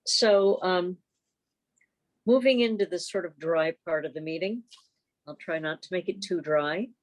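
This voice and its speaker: A woman chairs an informal club meeting on a video call, talking and reading reports in a halting, conversational way. Her pitch is fairly low, and the audio is poor.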